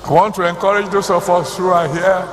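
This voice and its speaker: A man with a Nigerian accent preaching a sermon to a congregation, phrasing deliberately and repeating words for emphasis. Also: high voice, fairly even intonation. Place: large hall, church service. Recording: echoey hall, loud background noise.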